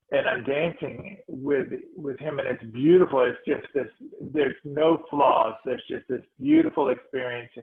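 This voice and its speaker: A man, a spiritual healer, telling a heartfelt story to a meditation group, animated and restarting his phrases. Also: mid-range voice, creaky. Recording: tinny phone-like audio.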